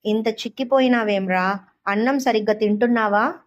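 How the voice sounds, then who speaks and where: A woman voicing the gentle, worried spirit of an old mother who appears in a dream, speaking tenderly and anxiously. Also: on the high side, moderate pace, lightly acted.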